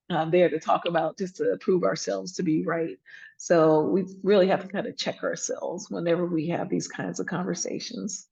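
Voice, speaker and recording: A woman presents a relaxed workshop over a video call, talking chattily and restarting her sentences often. Her voice has a gravelly, husky grain, and the audio sounds dull and lo-fi. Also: on the low side. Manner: chatty, lots of fillers and restarts. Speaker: workshop presenter, emergency physician. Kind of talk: laid-back workshop talk.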